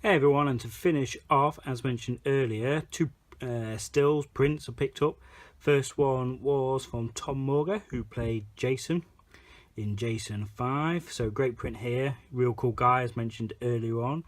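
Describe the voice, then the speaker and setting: A man's voice: medium pitch, measured pace. A man co-hosting a movie vlog, chatting casually about a convention haul in a rambling, chatty way. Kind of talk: casual chat.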